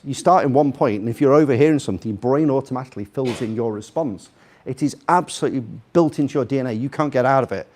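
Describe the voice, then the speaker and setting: A guest speaker with a slight Liverpool accent talks in a medium-pitched, slightly mellow voice. Speaking live in a room, he keeps things informal, chatty, jokey and rambling, putting questions to his audience.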